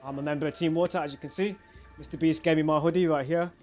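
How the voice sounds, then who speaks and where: A man's voice: fairly high pitch, steady tone, quick pace, a little mellow, faint music behind. A man, chatting casually with viewers on a live game stream and laughing often. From England. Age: 30s. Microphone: desk microphone.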